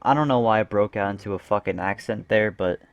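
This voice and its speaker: A man's voice: on the low side, a little fast, gravelly, dry recording, dull audio. A young man narrating a gaming story in a jokey, self-mocking way, swearing and breaking into asides. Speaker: gaming video creator. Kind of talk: comedic scripted narration.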